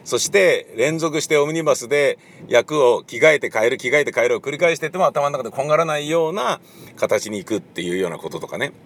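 A man speaks alone in a casual, meandering monologue about his playwriting. His pitch sits mid-range but swings widely, and he often breaks into little performances of what others said. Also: fast talker. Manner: rambling, animated, slips into quoted voices. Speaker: playwright and director.

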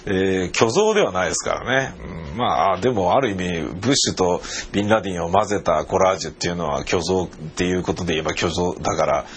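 A man's voice: low voice, fast, hardly any pauses, a little hiss or hum. A middle-aged man, a radio personality, telling a travel story in a casual monologue and acting out the voices he quotes. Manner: animated storyteller who acts out quoted voices.

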